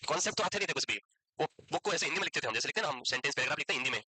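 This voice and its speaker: Fast, bright-voiced male tutor. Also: on the high side, animated, breathy edge, no room sound, low-quality recording. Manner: chatty, reassuring, tells anecdotes and mimics students. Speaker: nursing exam tutor. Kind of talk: casual Hindi lecture.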